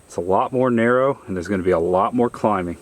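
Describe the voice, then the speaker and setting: A man narrating a casual solo exploring vlog, talking straight to his viewers in short, deliberate phrases. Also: lowish voice, slight background noise. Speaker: solo explorer filming a cave tour for viewers. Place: on a forest trail and in a small cave.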